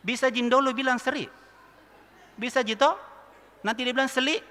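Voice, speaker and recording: A man's voice: extremely high pitch, quick pace, a little hiss or hum. A male pastor, preaching a sermon and telling a funny illustration, acting out the characters and questioning the congregation. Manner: lively storytelling, mimics a speech lisp, asks the congregation questions. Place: large church hall. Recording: long church hall reverb.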